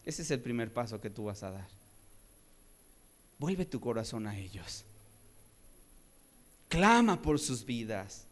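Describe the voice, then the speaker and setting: A man preaching a sermon, moving between soft, low pleading and loud, raised cries, and often asking his listeners rhetorical questions. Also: very animated, slow, pauses often. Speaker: pastor.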